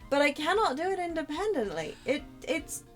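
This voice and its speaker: Chatty woman streamer, high voice, rambling asides, faint game music. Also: sing-song, brisk. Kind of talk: casual chat while gaming.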